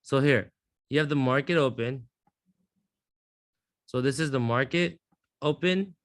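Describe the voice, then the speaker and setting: A man's voice: medium pitch, a little slow, no room sound, clean studio sound. A man teaching a live trading class, blunt and profane, often restarting his sentences. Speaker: trading instructor.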